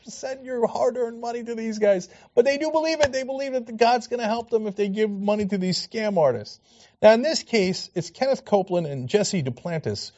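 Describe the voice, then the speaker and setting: Male commentator, high and wildly animated, scoffing and sarcastic, dull lo-fi sound. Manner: sarcastic, incredulous, mocks with exaggerated voices. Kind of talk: mocking political commentary.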